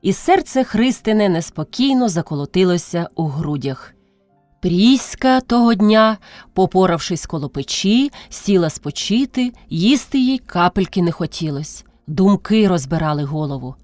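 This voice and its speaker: A woman narrating a novel as an audiobook reader, lively and expressive. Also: lowish voice, normal speed, no echo, soft background music.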